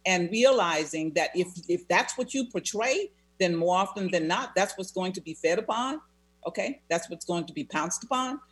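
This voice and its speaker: A therapist being interviewed, speaking in a measured, reflective way and repeating phrases for emphasis. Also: medium pitch, animated, slightly rough. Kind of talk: conversational interview.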